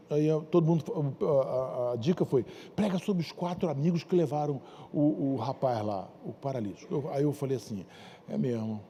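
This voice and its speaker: In a big-sounding church with slight background noise, a man preaches as a bishop, his voice on the high side. He's from Brazil and has a Carioca Portuguese accent, and he tells stories with drama, voicing the characters' shouts and gentle pleas.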